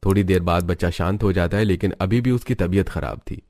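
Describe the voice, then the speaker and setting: A man giving scripted narration for a cartoon story in an even storytelling manner. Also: deep voice, fairly quick, soft background music.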